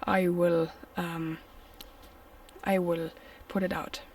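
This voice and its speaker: A woman's voice: fairly low pitch, flat delivery, slow pace, a little mellow, recorded from a distance. A woman who is a non-native English speaker, talking casually and hesitantly to camera as a solo camper out in a forest storm at night. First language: not English. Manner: hesitant, simply worded explaining. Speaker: solo camping vlogger.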